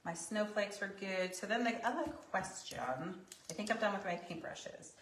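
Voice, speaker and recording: A woman's voice: medium pitch, normal speed, slight background noise. A woman teaching a craft painting project in her studio, chatting casually with rambling, joking asides. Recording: echoey room, mic at a distance.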